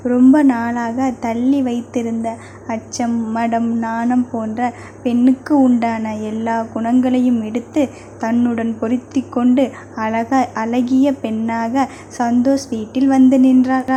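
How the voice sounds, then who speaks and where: Female audio-novel narrator, even delivery, mellow tone. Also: a little high, a little slow, a little hiss or hum.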